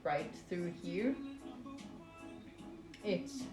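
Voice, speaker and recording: Animated and fairly low-pitched, she stretches out her words as she chats with live stream viewers while crocheting. Her first language is Norwegian, her style is hesitant, rambling and playful, and music plays in an echoey room.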